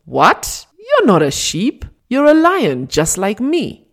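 A woman's voice: on the high side, wildly swooping pitch, takes it slowly, pitched above the performer's own voice, full character voice. A woman voicing a commanding older male lion in a storybook fable, insistent and growling.

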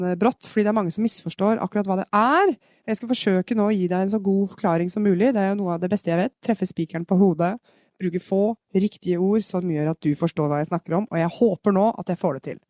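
Woman from Norway, singing teacher, warm dark voice, close dry sound, chatty explanations, demonstrates fry. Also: mid-range voice, no echo. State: has a cold. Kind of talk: live podcast voice lesson. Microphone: podcast microphone.

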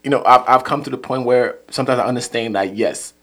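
A man's voice: mid-range voice, fast, fairly bright tone. A middle-aged man from Liberia with a Liberian accent, speaking as a therapist guest in a casual conversation, often repeating words as he searches for phrasing.

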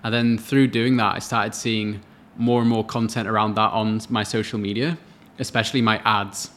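A man's voice: lowish voice, level tone, normal speed, fairly bright tone. A man in his late twenties, co-hosting a podcast and telling a story in casual chat. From Wales. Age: late 20s. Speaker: podcast co-host.

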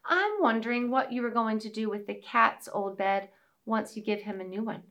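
A woman voicing a tiny, polite, curious female mouse in a storybook tale, with a high, eager voice. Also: normal speed, fairly bright tone.

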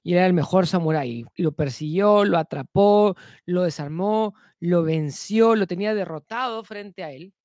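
A speaker talks through a self-help lesson at an ordinary middle pitch, recorded close with a dry sound. They repeat key phrases twice and ask rhetorical questions. Each new point is linked with a steady "entonces". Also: moderate pace, dry recording. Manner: leans often on the filler "entonces".

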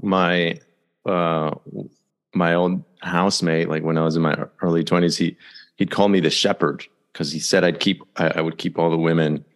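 A man's voice: low voice, level tone, moderate pace. A man speaking as a guest on a podcast, talking reflectively with "you know" fillers and frequent laughter. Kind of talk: casual conversational interview.

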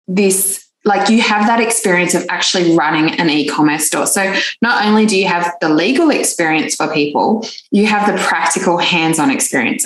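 A woman from Australia, hosting a podcast and reacting with eager enthusiasm and frequent laughter. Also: fairly low pitch. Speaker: podcast host. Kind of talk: casual interview talk. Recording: echoey room.

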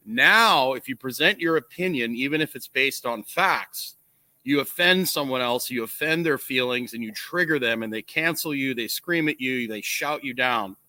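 Guy with a nasal strip on doing a casual opinion livestream, forceful bright voice, pretty dry sound, explains stuff earnestly. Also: mid-range voice, normal speed, dry recording. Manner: earnest, explanatory, often checking with "right?" and "okay?". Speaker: livestream host, coach. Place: outdoors.

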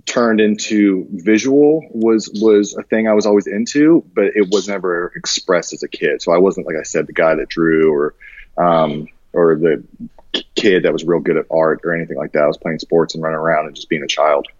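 Low-pitched and at a moderate pace, a man in his thirties chats as a guest on a podcast, recounting personal anecdotes with slang and self-deprecating humor. A branding designer, he grew up mostly overseas in Japan. The recording is dry with the highs cut off.

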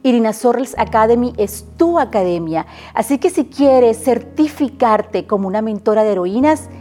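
A woman giving a scripted promotional read for her academy in a clear, deliberate way. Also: a little high, animated, mellow, soft background music. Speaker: academy founder in an ad.

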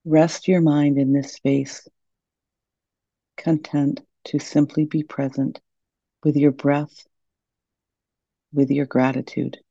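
A woman guides a meditation in a soft, soothing and gentle way. Her voice is mellow, with a creaky edge. The recording is close and dry but somewhat dull and lo-fi. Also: low voice, little pitch movement, slow pace, pauses often, dry recording.

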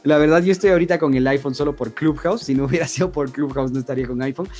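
Soft music plays behind this medium-pitched, darkish male voice, which races along with an Ecuadorian accent. He's a sales and marketing trainer running a casual lesson full of role-play scenarios, frequently tossing in short tag questions to check understanding.

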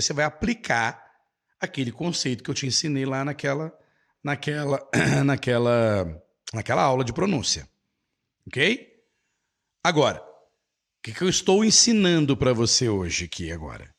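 A man's voice: medium pitch, sing-song, moderate pace, gravelly, fairly bright tone, slightly rough. A man teaching a language lesson, emphatic and checking in with rhetorical questions. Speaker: English teacher.

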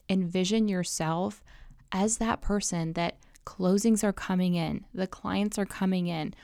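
Upbeat advice-vlogger woman with creaky voice. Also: fairly low pitch, a little mellow, dry recording, clean studio sound. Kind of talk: casual personal vlog giving tips.

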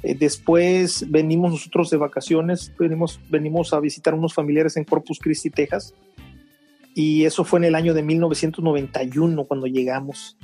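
A middle-aged man, talking through his life story as an interview guest. His voice sits a little high but sounds warm and slightly husky, with soft music faintly underneath. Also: level tone. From Mexico (Veracruz). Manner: unhurried, many restarts and fillers. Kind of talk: conversational interview.

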